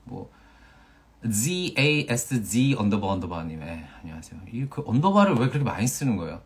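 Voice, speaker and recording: A man's voice: on the low side, sing-song, moderate pace. Playful young man reading usernames live. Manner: playful, stumbles over usernames and jokes about them. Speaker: actor hosting a fan livestream. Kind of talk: casual livestream chat, reading viewer usernames. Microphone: phone.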